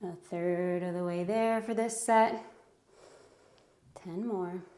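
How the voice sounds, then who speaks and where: In a home room, a woman fitness instructor leads a home workout, counting reps and giving encouraging cues while out of breath. Her voice is fairly low, dark, and steady, with a slow pace and reverberant sound.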